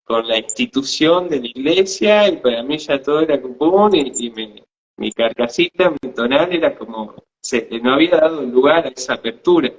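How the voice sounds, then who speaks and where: A man's voice: mid-range voice, lively intonation, moderate pace. A man, co-hosting and telling a personal spiritual story hesitantly, often repeating words. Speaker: podcast co-host. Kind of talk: casual spiritual storytelling chat. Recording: slightly dull lo-fi sound.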